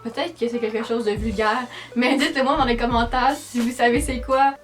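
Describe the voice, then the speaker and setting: A woman's voice: fairly high pitch, steady tone, brisk, faint music behind. A teenage girl with a Québécois French accent, chatting casually in a vlog and answering comments with dry sarcasm. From Quebec, Canada. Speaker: YouTuber.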